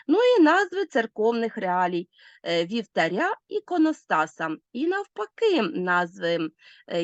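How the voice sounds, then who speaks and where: Ukrainian teacher listing word endings. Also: female voice, medium pitch, no room sound, highs cut off. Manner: lists word forms one by one, stressing endings; addresses pupils directly with instructions. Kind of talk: recorded grammar lesson.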